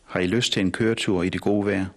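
A man's voice: low-pitched, steady tone. A man voicing a cheerful, easygoing father in a storybook reading. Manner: cheerful, friendly.

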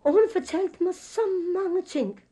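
Older woman, halting speech. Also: very high-pitched, lively intonation, warm tone. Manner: halting, with fillers and slips of grammar. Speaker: witness recounting her past. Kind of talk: personal testimony.

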